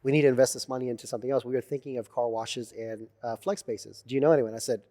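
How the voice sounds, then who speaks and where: A man telling animated stories as a guest in a casual interview, swearing freely and acting out what others said. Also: medium pitch, fast talker. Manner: animated storyteller, swears freely, acts out quotes. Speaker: podcast guest.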